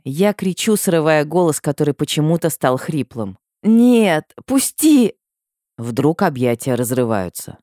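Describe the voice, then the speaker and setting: A woman reading a first-person audiobook with emotional delivery and sudden high cries. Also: mellow, no room sound, clean studio sound. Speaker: audiobook narrator.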